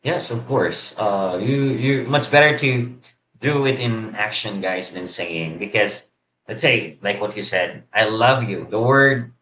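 Livestream co-host: thirties man, Filipino accent, slow and halting, reads out viewer comments. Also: fairly low pitch, bright, forceful tone, slight background noise, rough recording. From Philippines. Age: 30s. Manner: hesitant, many fillers and restarts. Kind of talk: casual livestream Q&A. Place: small bedroom at home, indoors.

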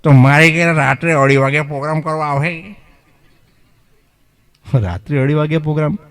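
A man's voice: a little high, fairly even intonation, normal speed, a bit bright. A male mimicry comedian telling comic stories and often asking the audience questions. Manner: chatty, asks the audience questions. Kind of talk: comic storytelling performance.

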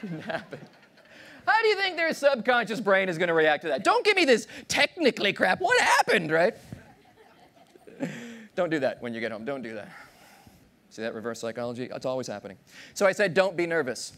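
Male keynote speaker, 30s, playful showman, talks on the high side with big swings in pitch, body mic on a big stage. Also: brisk, pauses often. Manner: animated, playful, audience-engaging, acts out voices. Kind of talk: motivational keynote speech. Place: large conference stage with audience.

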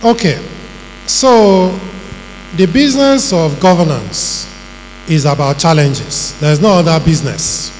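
A middle-aged man with a Nigerian accent giving a measured, emphatic public talk and listing his points one by one. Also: fairly high pitch, lively intonation, a little mellow. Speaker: panel speaker on governance. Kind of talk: public talk answering questions. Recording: reverberant hall with faint hum.

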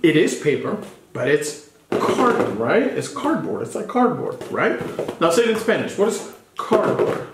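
Patient guy tutoring a kid, switches between english and spanish, kinda high and bouncy. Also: big pitch swings, slow. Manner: patient, spells words letter by letter. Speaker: English teacher. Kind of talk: bilingual one-on-one lesson. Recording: echoey room with background noise.

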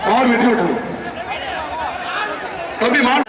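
A man calling out prizes over a loudspeaker at an outdoor bull-taming event, loud and urgent. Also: extremely high pitch, animated, slow. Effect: heard through a loudspeaker. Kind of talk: shouted live event announcing. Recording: echoey loudspeaker from far off with loud crowd.

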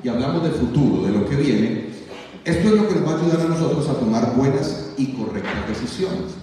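A man's voice: medium pitch, lively intonation, fairly quick, dark tone. Colombian man speaking in an echoey hall. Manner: joking, addresses the audience directly. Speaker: conference speaker. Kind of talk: humorous leadership talk to a church audience. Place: large church hall. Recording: echoey hall, voice from far off, crowd noise.

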